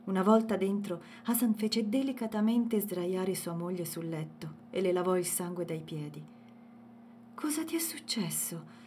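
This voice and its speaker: A woman reads a novel aloud in scripted audiobook narration, with a measured, expressive delivery. Her voice sits low, and a faint background hiss runs underneath.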